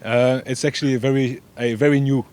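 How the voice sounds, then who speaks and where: A man's voice: mid-range voice, fairly even intonation, fairly quick, darkish tone. A young man from Belgium, an eager race director chatting as an interview guest. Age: young adult. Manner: eager, repeats "yeah" often, loose non-native grammar. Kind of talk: casual interview chat.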